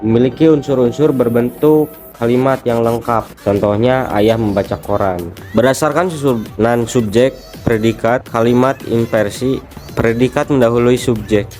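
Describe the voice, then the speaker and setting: A teenage boy from Indonesia, a student presenting a grammar lesson as steady reading of definitions and examples. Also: mid-range voice. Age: teens.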